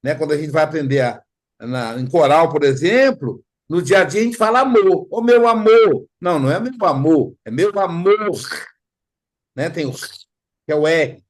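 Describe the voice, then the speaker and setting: Animated man leading a study. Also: a little high, moderate pace. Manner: animated, acts out dialogues, frequent tag questions. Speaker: spiritist study leader. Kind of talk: lively study-group talk.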